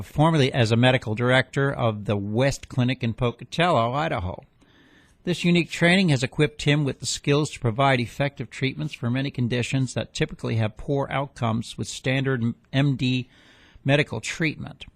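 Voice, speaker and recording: A man's voice: medium pitch, vocal fry, dry recording. A man hosting a radio health talk show, reading the intro and sponsor spots, then asking his guest questions with some hesitant fillers.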